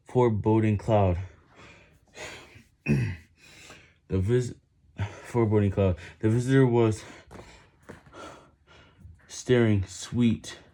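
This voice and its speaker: A man's voice: lowish voice, dark tone. A man reading a book aloud while doing push-ups, in short broken phrases with frequent stumbles and restarts. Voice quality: halting, broken phrasing with stumbles over words. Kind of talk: halting read-aloud from a book.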